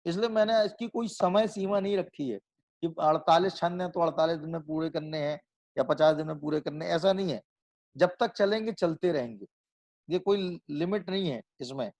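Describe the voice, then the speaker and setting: Casting: man with a high voice, patient religious teacher, rhetorical questions, slow demonstrations of pronunciation. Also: a little mellow. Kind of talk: group class on recitation and meaning of a hymn.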